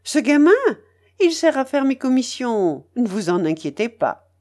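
A woman voicing an imperious, mocking young aristocrat in a read-aloud novel, higher and brighter than her narration. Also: big pitch swings, unhurried. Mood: teasing. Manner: commanding, mocking, playful.

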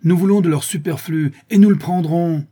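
A man voicing an angry, rabble-rousing village wheelwright in an audiobook, loud and goading. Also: mid-range voice, moderate pace, breathy edge, close to an everyday voice. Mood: defiant. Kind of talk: audiobook character reading.

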